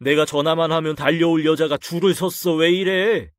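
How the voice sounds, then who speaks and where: A man voicing a domineering, quick-tempered husband in an audio story, curt and scornful. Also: fairly high pitch, fairly even intonation, dry recording, clean studio sound, close to an everyday voice. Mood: angry. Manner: curt, scornful, raising his voice.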